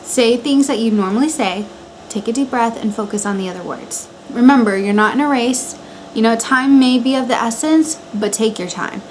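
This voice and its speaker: A woman's voice: fairly high pitch, normal speed, low-quality recording. A woman in her twenties with an American accent gives a casual, chatty how-to talk in the informal style of a personal vlog, recorded in a bedroom. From Montana, United States. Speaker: vlogger. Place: bedroom at home. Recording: steady fan noise in background. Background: electric fan running.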